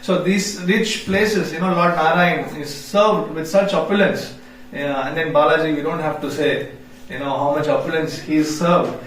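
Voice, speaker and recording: A man's voice: a little high, fairly even intonation, normal speed, a little hiss or hum. A man giving a devotional scripture class in a temple, telling the story conversationally with frequent "you know" and quizzing his listeners. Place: temple hall. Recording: echoey hall from far off.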